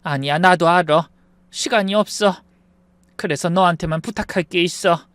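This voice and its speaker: A man voicing a dying old rich lady, soft and remorseful. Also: high voice, moderate pace, dry recording. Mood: urgent, tender. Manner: soft, weary, apologetic speech. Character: dying elderly wealthy woman, gentle and remorseful.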